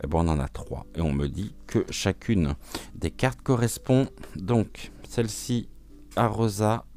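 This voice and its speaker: A man hosting a gentle morning oracle card reading, talking softly and soothingly with many hesitant pauses. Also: fairly low pitch, soft background music. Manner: hesitant, frequent filler pauses; soft, soothing, welcoming. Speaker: oracle card reader, channel host.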